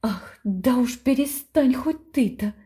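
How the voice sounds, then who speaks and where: A woman voicing an impatient mother who scolds briskly. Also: sits high, warm tone. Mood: scolding.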